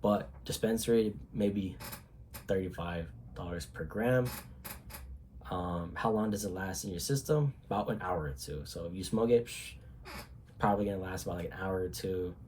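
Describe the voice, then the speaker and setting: Low-voiced congested young man rambling. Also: normal speed, a little mellow, slight background noise. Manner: rambling, loose, swears casually, many fillers. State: congested from a cold. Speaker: vlogger. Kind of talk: casual talk to camera.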